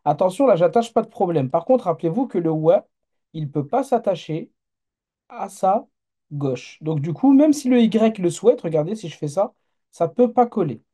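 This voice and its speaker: Patient male teacher, dark mellow tone, runs a live online class and checks on learners. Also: high voice, animated, normal speed, breathy edge. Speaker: Arabic teacher.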